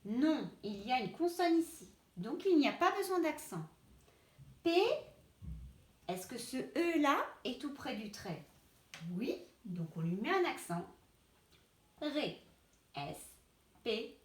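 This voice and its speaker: A woman's voice: sits high, very animated, unhurried, long pauses, echoey room. A woman teacher giving a spelling lesson to children, patiently sounding out words syllable by syllable. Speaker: primary school teacher.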